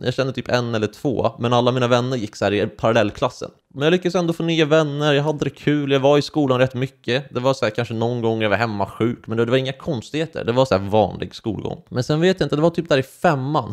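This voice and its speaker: A young man, telling a personal story to camera in slangy, casual talk full of fillers and restarts. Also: medium pitch. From Sweden. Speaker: vlogger.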